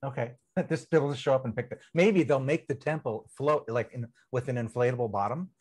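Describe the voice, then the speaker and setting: A man hosting a podcast in casual conversation, playful and quick to laugh, wandering off on tangents. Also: medium pitch, a little mellow, slightly rough. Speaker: podcast host.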